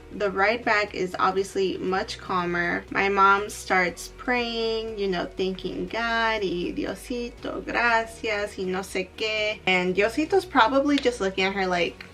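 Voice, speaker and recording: A young woman telling a get-ready-with-me storytime, animated and laughing, slipping into Spanish now and then. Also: mid-range voice. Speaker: beauty vlogger.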